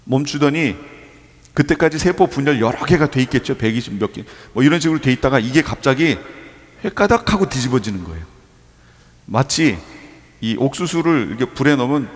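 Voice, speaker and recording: A male pastor preaching a sermon, explaining step by step with everyday examples and putting rhetorical questions to his congregation. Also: mid-range voice. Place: church sanctuary. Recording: long reverb of a church hall.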